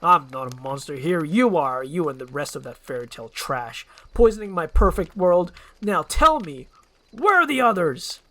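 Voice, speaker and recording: A woman's voice: sits low, lively intonation, normal speed, fairly bright tone, no room sound. Woman as Lord Farquaad, a pompous, menacing villain. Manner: haughty, taunting. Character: pompous, menacing little male lord, fairy-tale villain. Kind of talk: dramatized screenplay reading.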